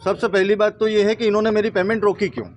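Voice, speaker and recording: A man with a high voice speaks to reporters as an aggrieved employee. He presses his complaint insistently, repeating his points. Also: flat delivery, quick pace. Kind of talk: interview statement.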